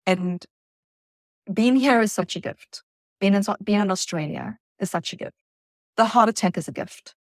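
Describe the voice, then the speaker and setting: A middle-aged woman from South Africa, a guest telling her story in an earnest, reflective way, halting at times. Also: medium pitch, darkish tone, no room sound, studio quality. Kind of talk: emotional personal interview.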